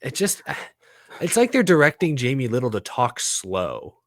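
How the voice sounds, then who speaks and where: Animated man in casual racing chat. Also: medium pitch, unhurried, no echo, studio quality. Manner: lively, mimics announcers in exaggerated voices. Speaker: podcast co-host.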